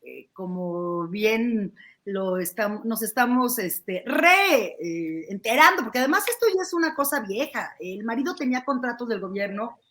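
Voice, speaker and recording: A woman's voice: a little high, expressive, a little slow, a bit bright. A woman, a guest on a political panel, starting with hesitant fillers before giving her view.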